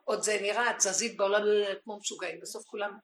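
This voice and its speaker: Impassioned woman teacher with a gravelly voice. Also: mid-range voice, crowd noise. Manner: impassioned, swings from hushed to crying out. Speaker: spiritual teacher. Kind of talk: religious teaching. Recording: echoey room recording.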